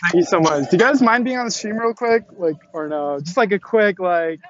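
A young man live-streaming outdoors on a college campus from a selfie stick, excitable and slangy, laughing often and swearing, out of breath and sweaty after push-ups. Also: high voice, a little fast, dull audio. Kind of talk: casual live-stream chat. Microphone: selfie stick tripod.

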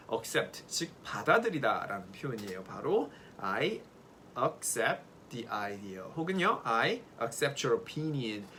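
A man's voice: medium pitch, pushed and bright, a little hiss or hum. A man in his thirties teaching English pronunciation in an online lesson, coaxing learners to repeat after him and drawing out his model sentences.

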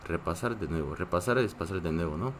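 A man's voice: sits low, lively intonation, fast, a little hiss or hum. A man who is a native Korean speaker, teaching a live online class in a patient way and often checking in with his students. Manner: reads chat and greets viewers.

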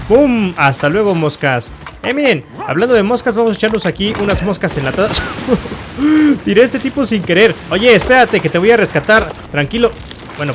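Man, high-pitched voice, playful let's-play commentator who jokingly insults everyone and laughs a lot. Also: noisy background. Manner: teasing, mock-insulting, laughs and yelps often. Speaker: gaming youtuber.

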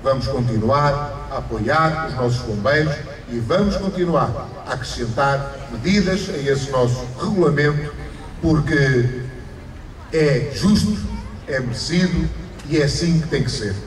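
Speaking at a measured pace in a mid-range voice, a middle-aged mayor with a European Portuguese accent gives a formal speech beneath an awning at an outdoor ceremony, with emphatic repetition and rising stresses. His stand microphone runs through an echoing PA, filmed from afar by a camera that captures the crowd too.

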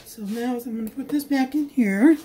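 Her voice sits on the high side and moves at a normal speed against a noisy background as she chats viewers through her cooking. She's a home cook vlogger giving casual cook-along narration, shooting on a phone camera in her own kitchen mid-cooking.

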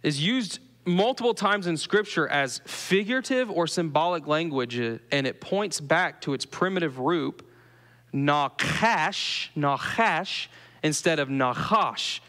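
A man's voice: on the high side, expressive, moderate pace, hardly any pauses, fairly bright tone. Man preaching in a reverberant church. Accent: Southern US. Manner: conversational, asks the congregation questions. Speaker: pastor. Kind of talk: sermon. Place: church sanctuary. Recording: long reverb of a church hall.

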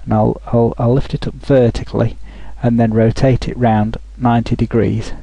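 A man talking through a software tutorial over a screen recording, thinking aloud with frequent restarts. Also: mid-range voice, little pitch movement, normal speed, vocal fry, no room sound, low-quality recording.

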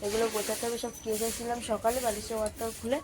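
A woman's voice: a little high, level tone, quick pace, background noise. A young woman vlogging casually from home and a metro train, chatting to viewers and her son. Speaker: vlogger and mother. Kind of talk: casual vlog narration.

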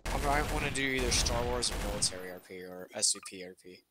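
A man in a casual gaming chat, talking fast and bossy with plenty of fillers. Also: lowish voice. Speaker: gamer. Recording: noisy mic with clicking.

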